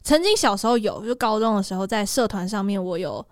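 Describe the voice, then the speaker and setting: 语气温和的台湾腔年轻女主持. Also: female voice, mid-range voice, lively intonation, fairly quick, a crowd in the background. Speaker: podcast co-host. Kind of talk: casual chat.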